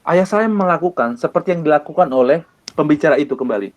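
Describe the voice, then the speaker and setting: A man from Indonesia, an evangelist, telling his personal testimony in an earnest way, with many pauses and repeated phrases. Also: on the high side, lively intonation. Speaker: evangelist guest.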